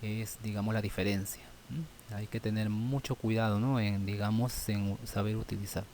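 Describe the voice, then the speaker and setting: A man teaching a grammar lesson, thinking aloud and ending phrases with quick checking questions, with many fillers. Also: fairly low pitch, fairly even intonation, a little mellow, a little hiss or hum.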